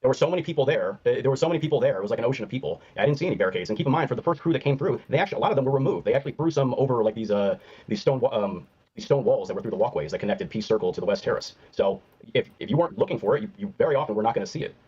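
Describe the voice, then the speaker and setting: A man arguing his side as a guest in a heated live-stream debate, talking fast and pressing his point, heard over muffled low-quality stream audio. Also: expressive, a little mellow, husky.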